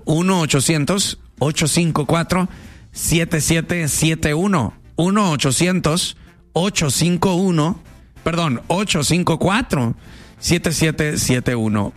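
A man hosting a casual call-in radio show, chatty and slangy. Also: mid-range voice. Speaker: radio host.

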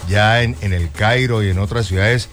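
A man on a sports radio panel, opinionated and quick to voice disapproval. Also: fairly low pitch, fairly bright tone, faint music behind. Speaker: radio commentator. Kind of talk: casual sports debate.

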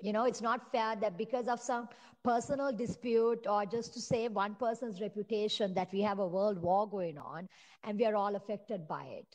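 A woman's voice: medium pitch, normal speed, darkish tone, rough recording. A woman from Sri Lanka, giving an earnest, indignant listener comment. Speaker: listener sending a message.

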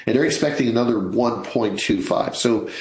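A man's voice: medium pitch, moderate pace, darkish tone, roomy sound, low-quality recording. A man in his sixties hosting a live financial radio show, chatting in a folksy way and calling his listeners folks. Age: 60s.

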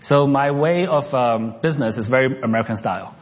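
A Chinese-born man who grew up in Canada talks as an investor and entrepreneur in an unscripted interview, his mid-range voice halting, full of restarts and fillers. He's in a large hall, and the recording sounds muffled.

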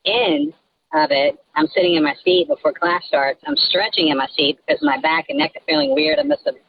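A man's voice: very high voice, huge pitch swings, brisk, creaky, dry recording. A man calling in to a radio show, telling an embarrassing story sheepishly while a voice changer disguises his voice over the phone. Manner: sheepish, self-conscious storytelling. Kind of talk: anonymous phone-in confession, casual storytelling. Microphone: telephone. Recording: lo-fi phone line.

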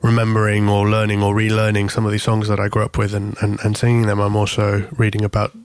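A thirtysomething singer from Corfu with an English mother talks quickly in a low-leaning, monotone voice during an interview. His English carries a slight Greek accent, and his thoughtful answers are full of restarts, fillers, and pauses to search for words.

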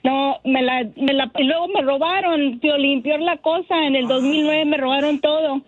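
Woman caller from the Texas border, cheerful, high voice, dry lo-fi phone sound. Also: steady tone, moderate pace, no room sound. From northern Mexico and Texas border. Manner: cheerful, laughing often. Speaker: caller, business owner. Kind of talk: phone-in interview.

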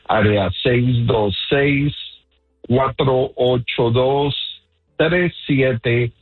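Husky Colombian man on a phone line. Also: medium pitch, very slow, soft background music. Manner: earnest, explains step by step with many fillers. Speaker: real estate agent guest. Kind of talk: radio call-in talk.

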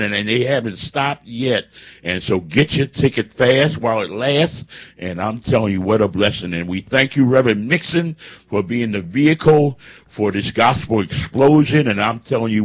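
A gospel musician visiting a radio studio, emphatically promoting a concert and repeating "I'm telling you" to drive each point home. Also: male voice, fairly low pitch.

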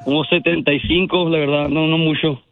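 A man's voice: a little high, steady tone, fairly quick, crowd noise. A man from El Paso, Texas, calling in to a radio show and answering hesitantly with many fillers. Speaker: radio caller. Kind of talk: casual phone chat. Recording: dull dry phone line.

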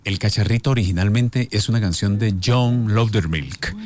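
A man's voice: on the low side, moderate pace. A man hosting a casual radio chat, chatty and fond of anecdotes. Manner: chatty, tells anecdotes, laughs easily. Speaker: radio host.

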